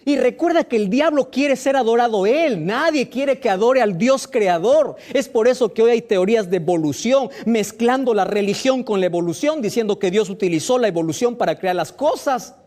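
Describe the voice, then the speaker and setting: Man preaching with a lively, rising voice. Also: very high-pitched. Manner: preaching emphatically with rhetorical questions, slow stressed phrases. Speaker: pastor. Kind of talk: sermon.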